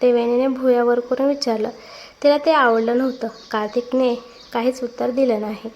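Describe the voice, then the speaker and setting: A woman narrating an emotional family drama as a storyteller, in a steady, feeling reading. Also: a little high, moderate pace, lo-fi sound, slight background noise.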